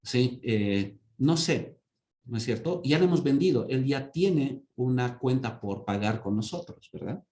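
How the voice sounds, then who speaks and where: A man teaches accounting to a class, walking through everyday examples. He keeps checking that his students follow along. His voice is mellow and sits in a roomy, echoing space. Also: mid-range voice, animated, unhurried. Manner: asks students for confirmation with repeated "¿sí?". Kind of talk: online class lecture.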